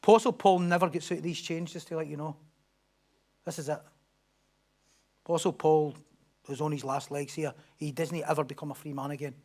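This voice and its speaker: A man's voice: a little high, steady tone, brisk, pauses often, mellow. A middle-aged man, a pastor delivering a sermon with emphatic, repetitive lines and rhetorical questions.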